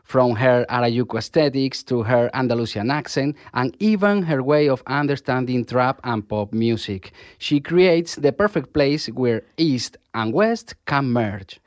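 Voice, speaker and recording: A man's voice: medium pitch, animated, measured pace, few pauses, no echo, studio quality. A man presenting music in scripted narration.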